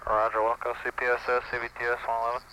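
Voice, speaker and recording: A man's voice: medium pitch, completely flat delivery, rapid-fire, sharp tone, a little hiss or hum, low-quality recording. A man working as a launch control console operator, giving terse, by-the-book procedural acknowledgments heard over a two-way radio net. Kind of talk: clipped procedural radio callouts.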